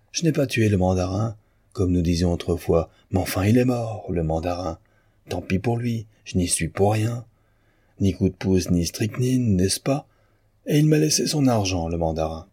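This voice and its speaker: A man's voice: deep voice, warm tone, breathy edge, no echo, clean studio sound, heavily acted. A man voicing a bitter, mocking male painter in an audiobook of a novel. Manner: sneering, sarcastic.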